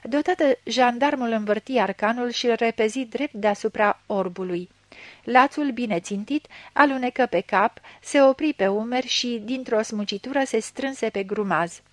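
A woman reading a literary story aloud, dramatic and raising her voice for the characters' shouts. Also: a little high, dry recording. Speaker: reader.

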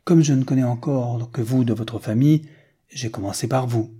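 A frank, earnest American suitor with a mellow, slightly husky voice, read by a man. He speaks plainly and insistently, in an audiobook reading. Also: mid-range voice, moderate pace. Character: rich American man seeking a bride.

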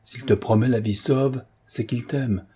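A man's voice: mid-range voice, steady tone, a little slow, mellow, husky. A man reading the part of a young officer, earnest and insistent, in an audiobook. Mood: urgent pleading. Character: young male officer, pleading and urgent.

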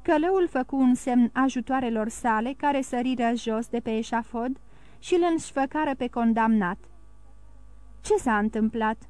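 A woman narrating an audiobook in a steady, even storytelling manner. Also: fairly high pitch, dry recording. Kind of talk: scripted narration.

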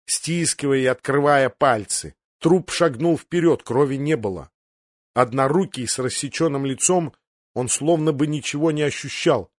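A man reading a fantasy audiobook aloud in a steady, dramatic narration. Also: mid-range voice, no room sound, clean studio sound. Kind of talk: scripted narration.

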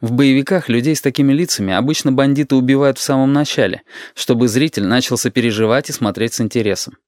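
A man narrating an audiobook in an even, measured storytelling voice. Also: mid-range voice, no echo, studio quality.

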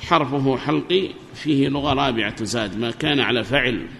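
This time the Arabic grammar teacher has a medium-pitched, gravelly, slightly bright voice and a brisk delivery. He explains a grammar poem to the class, asks questions and echoes the students' replies, using an amplifier microphone in an echoing hall with faint noise in the background.

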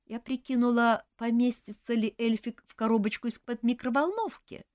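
A woman's voice: a little high, moderate pace, darkish tone, no room sound. A woman narrating a first-person story with dry, sarcastic humor, also voicing the heroine's own lines. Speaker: audiobook narrator.

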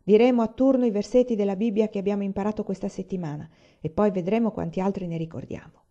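Mamma, a firm and practical pioneer mother, as a woman reads her lines from a storybook. She speaks calmly and steadily in a warm, mellow voice. The sound is a little dull. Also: medium pitch, fast talker, lightly acted. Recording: slightly dull lo-fi recording.

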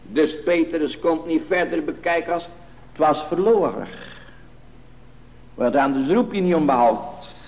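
A fairly high-voiced man preaches a sermon in a solemn, measured cadence that swells into loud, emphatic passages. His voice rings with the long reverb of a church hall, and the old recording sounds dull and lo-fi. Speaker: pastor.

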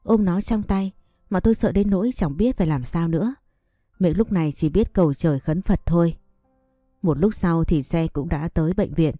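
A woman narrating a first-person family story and reading every role in an even, unhurried way. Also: on the low side, no echo, studio quality, faint music behind.

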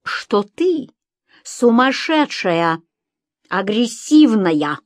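A woman's voice: on the low side, animated, a little slow, dry recording, clean studio sound. A woman voicing Antonio, a menacing, scheming foreign husband in an audiobook, sly and clipped, with broken Russian.

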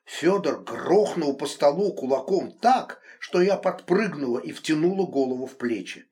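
Man narrating an audiobook, lively. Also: on the high side, moderate pace. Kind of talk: scripted narration.

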